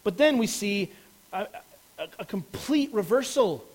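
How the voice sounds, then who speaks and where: A man's voice: high voice, animated, unhurried, slightly rough, rough recording. A man preaching a sermon as a pastor, explaining a passage earnestly and stressing key words.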